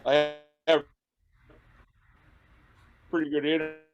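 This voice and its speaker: A man's voice: a little high, completely flat delivery, slow pace, lo-fi sound, soft background music. A retired man in his sixties chatting easily over a video conference call from a tablet in his workshop. The audio sounds distant and breaks up at times. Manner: easygoing, shows his shop while he talks. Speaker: woodturning club member. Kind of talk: casual chat on a video call. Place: his woodworking shop, away from the house.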